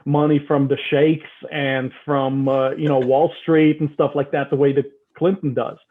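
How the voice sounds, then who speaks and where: Guy cohosting a political podcast, kinda high voice, says "right?" a lot, sounds like he's on a phone line. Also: moderate pace. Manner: animated, keeps tagging "right?", repeats words when worked up. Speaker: podcast co-host. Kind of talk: casual political chat.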